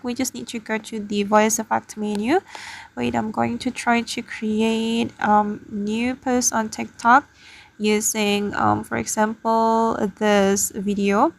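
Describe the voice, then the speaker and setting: A woman with a fairly high, creaky voice hosts a casual screen tutorial, walking her viewers through each step.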